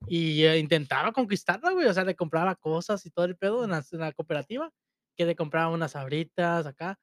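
A man's voice: a little high, lively intonation, fast, fairly bright tone, dry recording, clean studio sound. A young man with a Mexican accent, co-hosting a podcast in casual, crude, slangy chat and laughing often. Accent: Mexican Spanish. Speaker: podcast co-host.

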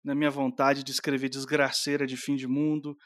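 A Brazilian man co-hosting a podcast, talking calmly and conversationally about his favorite book. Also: mid-range voice, a little fast, no room sound, clean studio sound. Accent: Brazilian Portuguese. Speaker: podcast co-host. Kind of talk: casual book chat.

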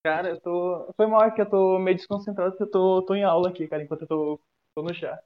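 Through narrow, tinny audio comes a high-pitched young man, talking fast in a steady tone. As a guest, he tells friends a rambling, profane story full of restarts over a call, casual storytelling taking place in a bathroom during an online class.

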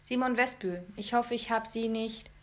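A woman's voice: fairly high pitch, normal speed, natural voice. A woman voicing a polite, friendly adult man who is the new neighbour, in an audiobook.

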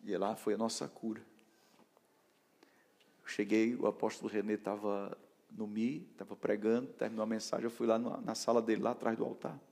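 A man preaching an emotional sermon, swinging from shouts down to hushed near-whispers. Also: on the low side, level tone, normal speed, vocal fry. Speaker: pastor.

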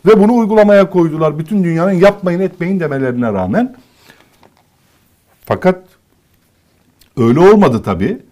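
A man's voice: high-pitched, animated, moderate pace, long pauses, dark tone. A man in a political commentary chat, explaining economic points emphatically and asking rhetorical questions.

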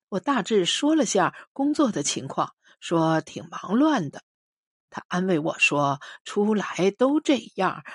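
A woman narrates a literary short story with a slightly husky voice. Her pitch moves freely, rising and falling with the story. The recording is close and dry. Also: no room sound. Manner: expressive, measured storytelling. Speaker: audiobook reader.

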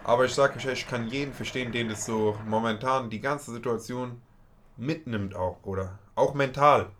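A man's voice: medium pitch, moderate pace, a bit bright, a little hiss or hum. A young man hosting a casual chat, talking emphatically in street slang, his voice climbing when he gets worked up.

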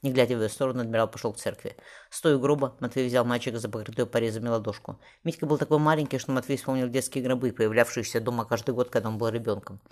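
A man reading a historical novel aloud as an audiobook narrator, in brisk scripted narration. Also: medium pitch, steady tone.

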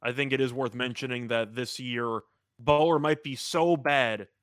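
A man co-hosting a sports betting show in casual banter, with a dry, deadpan sense of humour. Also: mid-range voice, moderate pace, clear, resonant tone, no echo. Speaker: co-host and sports handicapper.

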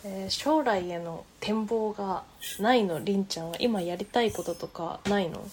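A woman hosting a casual chat, asking questions in a relaxed way and laughing often. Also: medium pitch, normal speed, slight background noise. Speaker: host.

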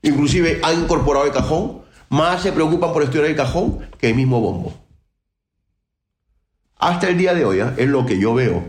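A man's voice: fairly high pitch, moderate pace. Peruvian guy guest on a radio interview, talks emphatic and blunt, lots of restarts, roomy echo. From Peru. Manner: emphatic, outspoken, many restarts. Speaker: guest percussionist. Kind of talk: casual interview talk.

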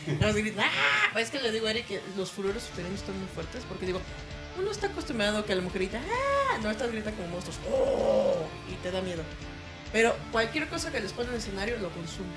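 A woman's voice: medium pitch, racing, roomy sound, over music. A Mexican woman co-hosting a casual chat, joking and acting out quotes. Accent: Mexican Spanish. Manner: lively, joking, acts out quotes.

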